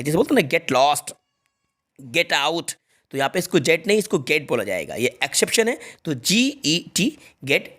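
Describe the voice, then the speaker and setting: Lively-voiced teacher spelling out words. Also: mid-range voice. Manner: spells words out letter by letter, then repeats them; addresses students directly with steady reminders. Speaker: English teacher. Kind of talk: spelling lesson explained in Hindi.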